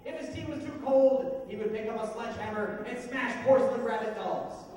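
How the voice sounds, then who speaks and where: A man telling a folktale to children in an animated, playful, expressive way, recorded from afar in an echoey hall. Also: very high voice, fairly quick, distant mic. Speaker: storyteller.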